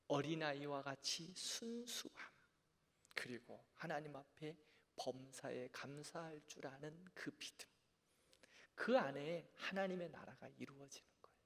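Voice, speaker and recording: Pastor type, man, slightly high voice, earnest Bible lecture, long church echo. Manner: earnest, asks the listeners rhetorical questions. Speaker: pastor teaching a Bible class. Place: church sanctuary.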